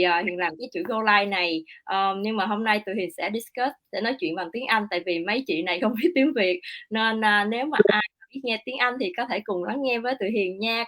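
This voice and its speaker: A woman with a Vietnamese accent hosting a casual livestream over a video call, talking with many fillers and pauses. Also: medium pitch, fairly bright tone. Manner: hesitant, many fillers, broken English. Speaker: livestream host.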